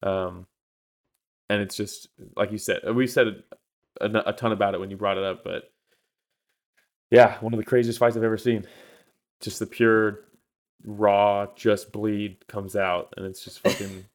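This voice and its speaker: A man's voice: fairly low pitch, little pitch movement, a little slow, pauses often. A man co-hosting a podcast, telling a story in casual chat with lots of fillers and swearing. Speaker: podcast co-host.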